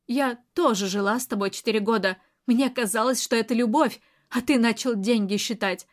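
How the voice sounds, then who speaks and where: A woman's voice: a little high, moderate pace, lightly acted. A woman reading an audiobook, voicing a frightened but defiant young woman who pleads and then cries out in distress. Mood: tense, fearful.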